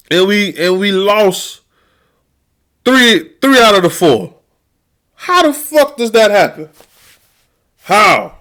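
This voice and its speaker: A man on a podcast, fired up and cursing freely as he vents his frustration about his team. His voice sits a little higher than most men's, and he talks loosely and conversationally. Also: fairly bright tone. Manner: profane, heated, frustrated venting. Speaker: podcast host. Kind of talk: casual sports rant.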